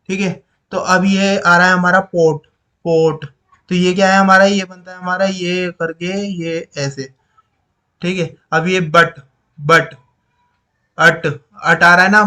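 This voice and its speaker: A man with a high voice teaches phonetic symbols from his notes. He repeats each sound slowly and works through the symbols one at a time, in an explaining tone. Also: bright, forceful tone.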